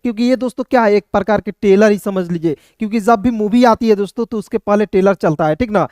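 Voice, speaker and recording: Smooth-voiced male teacher quizzing himself. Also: high-pitched, fast, darkish tone, no room sound, clean studio sound. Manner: calls listeners friends constantly, asks and answers own questions; repeats phrases, checks understanding often. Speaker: English teacher. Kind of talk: casual spoken lesson.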